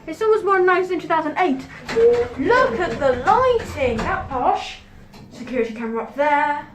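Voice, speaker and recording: A woman's voice: high voice, big pitch swings, moderate pace. A woman giving casual running commentary as a vlogger on a tour. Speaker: vlogger touring lifts. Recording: echoey lift with faint noise.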